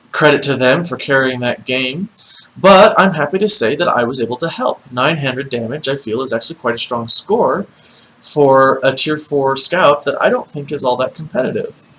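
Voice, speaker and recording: A man's voice: medium pitch, a bit bright, low-quality recording. Chatty man commenting on his game. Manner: chatty, frequent ums, dry sarcasm. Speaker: gaming YouTuber. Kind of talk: gameplay commentary.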